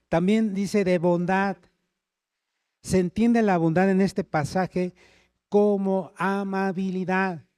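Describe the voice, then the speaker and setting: A man's voice: high voice, a little mellow, clear, resonant tone, no echo. Man, preaching, asks the congregation for amens, dry recording. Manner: checks in with the congregation, calls for amens. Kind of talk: sermon.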